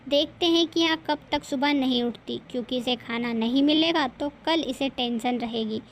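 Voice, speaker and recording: A woman's voice: sits high, normal speed, a little hiss or hum. Woman voicing a grumbling young husband. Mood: scheming. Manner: complaining, grumbling. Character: young husband, frustrated and complaining.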